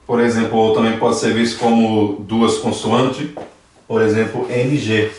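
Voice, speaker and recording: A man's voice: on the low side, level tone, a little mellow. Brazilian man teaching in an echoey hall. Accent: Brazilian Portuguese. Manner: patient, repeats words slowly for students. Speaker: Dutch language teacher. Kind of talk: classroom language lesson. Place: church hall classroom. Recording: echoey church hall from far off, faint noise.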